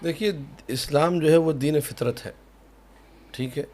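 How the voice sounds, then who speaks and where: Emphatic cleric man, somewhat high voice. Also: darkish tone. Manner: emphatic, repetitive listing, folksy asides. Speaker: cleric who officiates weddings. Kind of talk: conversational religious talk on a panel.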